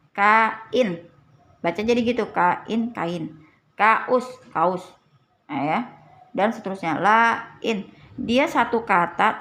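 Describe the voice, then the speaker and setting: A woman tutor patiently walking through a reading and writing workbook, explaining points slowly and repeating them. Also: medium pitch, a little hiss or hum. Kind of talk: casual tutorial walkthrough.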